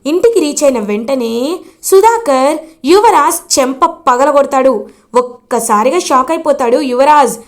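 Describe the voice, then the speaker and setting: A woman casually retelling a TV serial episode in a lively way. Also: sits high, normal speed. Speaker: serial recap narrator. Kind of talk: casual story recap.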